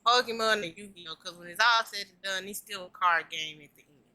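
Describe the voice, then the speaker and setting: A woman's voice: medium pitch, brisk, sharp tone. A woman in her late twenties venting emphatically in casual chat. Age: late 20s.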